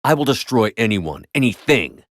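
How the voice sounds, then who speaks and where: A man's voice: medium pitch, big pitch swings, normal speed, fairly bright tone, no room sound, clean studio sound. A male actor playing a resolute human starship commander in a video game, speaking with firm, terse authority. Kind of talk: video game character dialogue.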